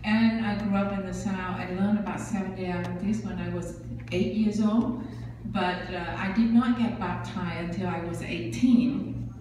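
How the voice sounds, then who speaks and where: A Vietnamese woman in her sixties, speaking with a Vietnamese accent, gives an earnest personal testimony in a large church sanctuary, using many fillers and simple grammar. Her medium-pitched voice is steady and a little mellow, at a normal speed. The hall is echoey, she stands far from the mic, and a slight hiss or hum is audible.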